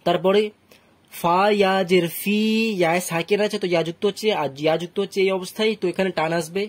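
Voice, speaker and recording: A man's voice: high-pitched, fairly even intonation, racing. A man with a Bangladeshi Bengali accent teaching Quran reading, patiently spelling out letters and vowel marks one syllable at a time. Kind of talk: slow syllable-by-syllable recitation lesson.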